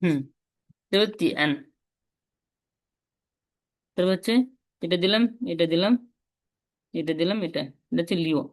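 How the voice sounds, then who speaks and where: Woman teaching, slow careful repetition. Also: fairly low pitch. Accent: Bangladeshi Bengali. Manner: repeats syllables slowly, step-by-step explaining. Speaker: Chinese language teacher. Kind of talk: casual spoken lesson.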